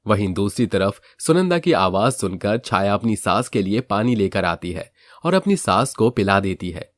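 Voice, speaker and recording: A man narrating a moral storybook tale in a steady, even way. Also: lowish voice, normal speed, no room sound.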